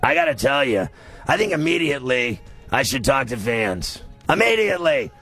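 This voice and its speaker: A man hosting a sports radio show in a loud, scratchy, gravelly voice, boastful and verbose, often yelling. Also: medium pitch, big pitch swings, normal speed, soft background music. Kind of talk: brash sports radio monologue.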